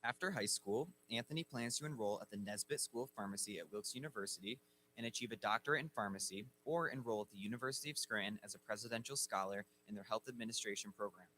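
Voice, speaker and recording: A man reads out names and bios at a ceremony lectern microphone, brisk and formal. His voice is low, bright and forceful, with a faint hum behind him. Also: poor audio. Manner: formal, steady reading. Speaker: ceremony announcer. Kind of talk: reading inductee bios aloud. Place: school ceremony hall. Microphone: speaking at a lectern microphone.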